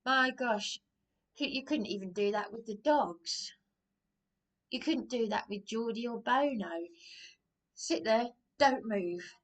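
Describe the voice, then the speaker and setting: A woman's voice: on the high side, a little slow, fairly bright tone. A woman in an emotional, rambling monologue, agitated and repeating herself. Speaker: vlogger.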